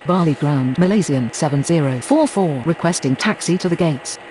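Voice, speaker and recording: A man's voice: fairly high pitch, lively intonation, normal speed, darkish tone, natural voice. A man speaking as an airline pilot in clipped cockpit headset radio phraseology. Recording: clearly noisy, vehicle-like background.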